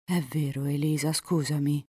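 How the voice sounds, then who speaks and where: A proud young count of twenty-four, earnest and sincere, read by a woman storyteller. The voice stays low and mellow, dropping at times to a hush. The recording is dry and close. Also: level tone, normal speed, breathy edge, no echo. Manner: earnest, sometimes hushed to a whisper.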